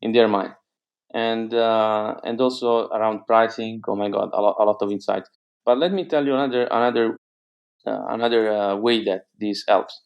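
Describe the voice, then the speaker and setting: A man with a lowish, steady voice and vocal fry talks at a moderate pace through a muffled recording. He's a guest entrepreneur, a native Italian speaker with an Italian accent, hesitant in a casual interview and prone to fillers and restarts.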